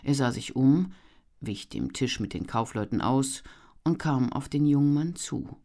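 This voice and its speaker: An audiobook narrator reading a historical novel with measured pacing and expressive storytelling. The voice sits at a middle pitch and carries the scene calmly.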